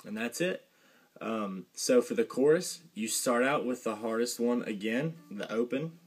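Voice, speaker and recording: A young man giving a casual guitar lesson, relaxed and rambling, with fillers and a dry joke now and then. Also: mid-range voice, unhurried. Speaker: guitar teacher. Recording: guitar playing behind the voice.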